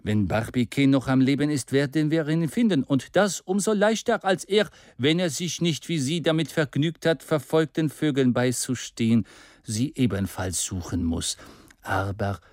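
A man's voice: mid-range voice, animated, moderate pace, darkish tone, no room sound, clean studio sound, close to an everyday voice. An eager, persuasive adventurer, as a male reader puts him on. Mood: urging.

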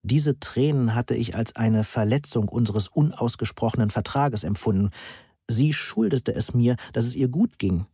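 A man reading a novel aloud in the first person in an even, measured way. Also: mid-range voice, husky, no room sound, studio quality. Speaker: audiobook narrator.

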